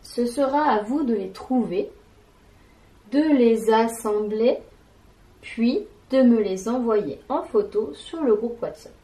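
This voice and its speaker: Slow, mellow-voiced woman teaching syllables. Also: fairly high pitch, animated, low-quality recording. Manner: spells out syllables and sounds deliberately. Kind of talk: slow, clearly articulated classroom lesson.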